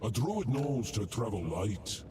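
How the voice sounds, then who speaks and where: An actor playing a solemn, mystical druid hero in a video game, speaking slowly and gravely. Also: male voice, on the low side, sing-song. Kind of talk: video game character barks. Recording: distant, echoing game audio under noise.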